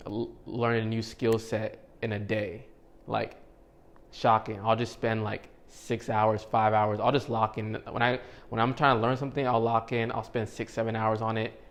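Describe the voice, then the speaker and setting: A man's voice: lowish voice, a bit bright. A man of thirty-one giving a casual, rambling motivational talk to camera as a vlogger, with many fillers and restarts. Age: 30s.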